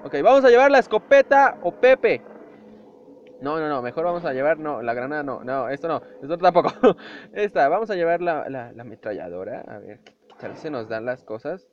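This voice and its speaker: Excitable high-voiced Mexican gamer. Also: male voice, brisk. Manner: excitable, shouts, swears and makes sound effects. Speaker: gameplay youtuber. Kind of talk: excited gameplay commentary. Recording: dull lo-fi home recording with faint hiss.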